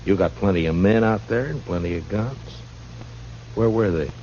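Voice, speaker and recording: A man playing a calm, tough frontier marshal. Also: lowish voice, normal speed, a little hiss or hum, close to an everyday voice. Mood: steady. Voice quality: steady, dry. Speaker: lead actor as U.S. marshal. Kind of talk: 1950s radio drama acting. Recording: muffled old radio broadcast.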